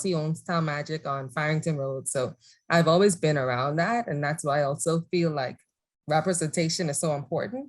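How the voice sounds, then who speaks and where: A woman from the Bahamas, answering interview questions in a measured, thoughtful way and laughing easily. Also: low voice. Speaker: guest entrepreneur. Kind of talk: conversational interview.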